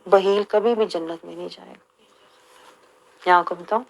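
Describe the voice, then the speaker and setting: A woman's voice: lowish voice, steady tone, gravelly. A woman giving an earnest religious lesson, with a Pakistani Urdu accent, acting out the people she quotes. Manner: earnest, acts out quoted complaints. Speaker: religious teacher.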